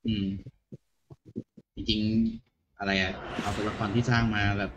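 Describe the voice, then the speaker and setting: A man in casual chat about the game he is playing, relaxed and chatty. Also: fairly low pitch, slow pace, noisy background. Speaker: gamer. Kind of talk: casual chat over gameplay. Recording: game music behind.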